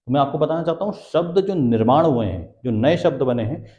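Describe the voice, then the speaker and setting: Hindi grammar teacher guy, mellow voice, keeps asking and answering his own questions, dull echoey room. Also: on the high side, expressive, a little fast. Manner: asks the class questions and answers them himself, repeats key terms. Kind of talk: exam-prep lecture. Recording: dull, echoey classroom sound.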